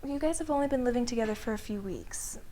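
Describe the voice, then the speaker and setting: An actress playing a patient girlfriend giving calm, reassuring advice. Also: fairly high pitch, quick pace, natural voice. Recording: noisy background.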